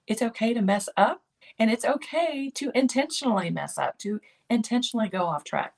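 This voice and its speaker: Older woman host with a gravelly edge, upbeat coaching delivery. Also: a little high, animated, fairly quick, darkish tone. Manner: encouraging, repetitive coaching phrases. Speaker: host of a keto lifestyle channel. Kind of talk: motivational talk to camera.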